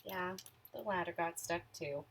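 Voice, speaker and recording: A woman reads a picture book aloud to children expressively, pausing to ask her young listeners questions and sometimes dropping to a hush for suspense. Her voice is on the low side and unhurried, with background noise.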